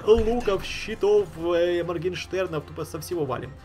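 A man's voice: sits high, moderate pace, a little mellow. A man giving casual, slangy gameplay commentary, thinking aloud and repeating himself. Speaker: gaming streamer. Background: game music.

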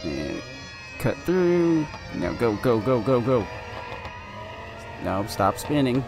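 Over background music, a man playing a driving game talks slowly in a mid-range voice with big pitch swings. This gaming video creator sounds nervous and pleading in his live commentary, constantly urging the car on.

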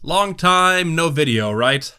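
A man who runs a gaming channel, speaking in a candid personal monologue, earnest and reflective with halting restarts. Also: a little high, lively intonation, bright, forceful tone, clean tone. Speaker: gaming YouTuber.

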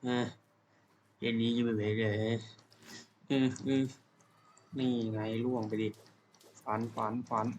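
A young man casually commentating his own video game play, excitable, calling out attack names and humming along in fights. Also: medium pitch, takes it slowly, long pauses, slight background noise. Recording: game music behind the voice.

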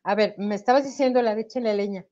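A woman with a Mexican Spanish accent, a singer giving a video call interview from a room at home, speaks fast in a mid-range voice. She's animated, laughs while talking, and uses tag questions, with a slight cough and a sore throat. The webcam recording sounds muffled.

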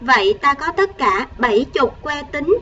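Woman teacher, high voice, patient and coaxing, counts slowly for young pupils; slight background hiss. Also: very animated, recorded from a distance, lo-fi sound. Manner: patient, slow counting, coaxing children with gentle prompts. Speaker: primary school math teacher. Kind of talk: recorded math lesson for first graders.

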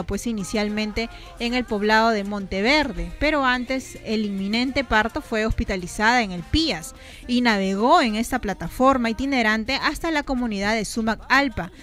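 A woman's voice: on the high side, fairly bright tone. Chatty Peruvian woman radio host. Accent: Peruvian Spanish. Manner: chatty, recounts news with fillers like "¿no?". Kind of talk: radio show chat.

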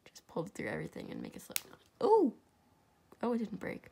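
Over slight background noise, a young woman with a stuffy, congested voice and a sore throat casually walks through a crafting tutorial, filmed by a camera over a tabletop showing only her hands. Her medium-pitched, gravelly, mellow voice swoops wildly and runs fairly quick, chatty and self-deprecating, often dropping to a whisper.

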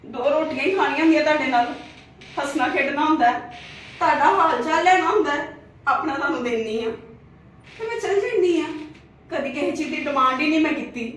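A woman's voice: high-pitched, brisk, fairly bright tone. A woman acting in a family skit as a hurt sister, then earnestly advising viewers. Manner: pleading, then earnest advice. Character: hurt married sister visiting her brother's home. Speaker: channel host and actor. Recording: echoey room from far off, faint noise.

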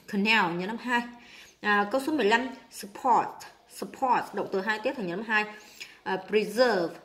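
Teacher woman explaining answers step by step. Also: medium pitch. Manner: patient, repeats each answer, frequent filler "à". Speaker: English teacher.

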